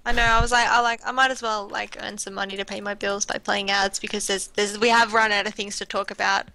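A woman's voice: mid-range voice, little pitch movement, fast, bright, forceful tone, no echo, poor audio. A woman casting games, chatting casually and candidly on a live stream. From Australia. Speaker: esports caster.

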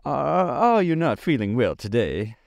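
Earnest tin man with a soft heart, as a man plays him, slightly raised voice, slow measured delivery. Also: mid-range voice, big pitch swings, creaky, dry recording, voice pushed up. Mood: concerned. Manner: earnest, concerned.

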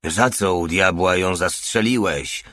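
A man's voice: sits low, a little slow, a bit bright, no echo, clean studio sound. A man voicing a brutal, drunken male military police sergeant who speaks in a coarse, mocking way in an audiobook. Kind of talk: audiobook narration.

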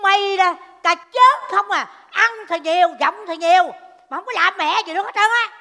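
A bossy mother scolds her beggar kids in a stage comedy sketch. Her voice is very high and bright with a sharp, shrill edge. It echoes in a stage hall over faint music. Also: moderate pace. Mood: scolding.

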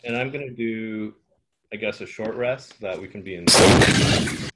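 A man's voice: lowish voice, measured pace, background noise. A man playing a board game, chatting casually and thinking aloud about his moves. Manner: relaxed, thinking aloud, chuckles.

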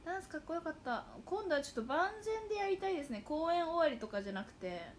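With a very high-pitched voice, big pitch swings, and a quick pace, a Hakata-accented woman in her twenties hosts a livestream, chatting animatedly and casually while reading viewer comments. Slight background noise can be heard.

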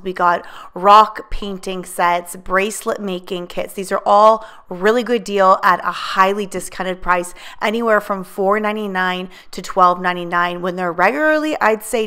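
A woman's voice: mid-range voice, bright, forceful tone. A woman, a mother of six, narrating a shopping vlog voice-over with upbeat enthusiasm about bargains. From United States. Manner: upbeat, enthusiastic deal-hunting. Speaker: vlogger.

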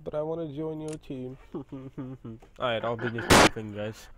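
A man's voice: mid-range voice, measured pace, heavy background noise. Crude, teasing gamer man. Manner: crude teasing, often laughing. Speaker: friend in the game's voice chat. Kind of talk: casual gaming chat.

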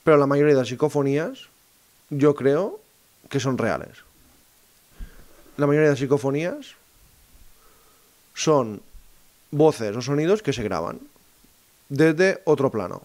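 A man talks in a casual monologue, speaking straight to his listeners and often pausing and restarting his phrases as he thinks aloud. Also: fairly high pitch, animated, a little mellow. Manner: addresses listeners directly. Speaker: host of a segment on psychophony.

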